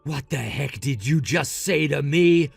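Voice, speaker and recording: A man's voice: a little high, measured pace, gravelly, husky, no room sound, soft background music, full character voice. A man voicing a blaming, dismissive young groom in a text-message story, talking in a scolding, impatient way. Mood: angry.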